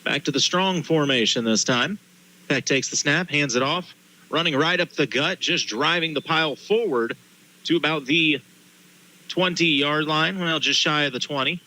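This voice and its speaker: A man gives live play-by-play football commentary as the game's announcer. His voice sits a little high and is bright and forceful. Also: normal speed, rough recording.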